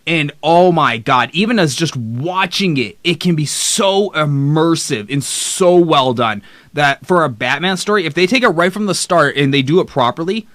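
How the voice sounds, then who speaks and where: A man's voice: a little high, expressive, normal speed, a bit bright, dry recording. A young man streaming live, chatting casually and rambling through a list of games while reading the chat aloud. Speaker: streamer host. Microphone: desk mic close up.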